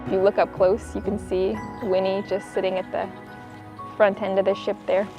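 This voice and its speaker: A woman reading a children's book aloud in an expressive storytelling style, as a narrator for young listeners. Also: mid-range voice, normal speed, over loud music.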